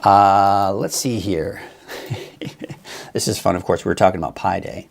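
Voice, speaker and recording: A man's voice: low-pitched, fairly quick, gravelly. A man hosting a casual live weather show, chatting in a rambling way and thinking aloud with fillers. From Northern California. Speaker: weather host. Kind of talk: casual live-stream forecast chat.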